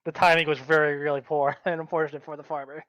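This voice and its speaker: A man's voice: a little high, flat delivery, quick pace, fairly bright tone, no room sound. Wry male player on a dull mic. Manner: wry, joking banter. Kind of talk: casual tabletop game chat.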